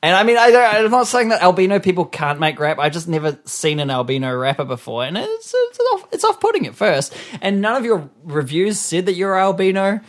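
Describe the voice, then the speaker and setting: A man co-hosting a comedy podcast. His voice sits a bit high and swings widely in pitch as he teases his guest bluntly. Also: very animated, fairly quick, hardly any pauses. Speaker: podcast co-host. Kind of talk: casual comedic interview.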